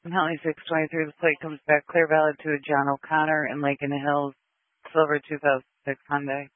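A man's voice: on the high side, little pitch movement, a little fast, no echo. A man working as an emergency dispatcher, giving terse, procedural call details over a two-way radio. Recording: narrow, tinny police radio channel.

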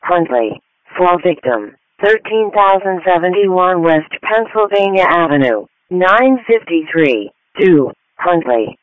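A man's voice: high voice, big pitch swings, takes it slowly. A man making clipped emergency dispatch announcements over a narrowband police radio channel.

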